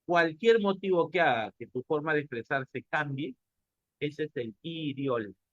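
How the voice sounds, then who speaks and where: A teacher from Peru, speaking with a Peruvian Spanish accent, quizzes his class and answers his own questions during a lecture. His voice is on the high side and his speed normal. The recording is muffled, without echo.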